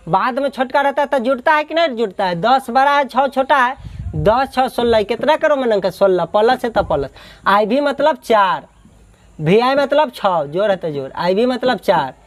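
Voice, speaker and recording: A male math teacher from Bihar, taking students through exam questions step by step and cheering them on as his brave lions. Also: extremely high pitch. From Bihar, India. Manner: addresses students as "my brave ones, my lions", drills and asks back. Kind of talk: exam-prep math lesson.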